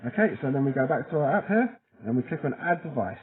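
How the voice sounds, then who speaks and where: In thin, phone-like narrow-band audio, a man presents an informal how-to walkthrough, chatting and checking in with the listener at each step. He speaks quickly in a medium-pitched voice with lively intonation.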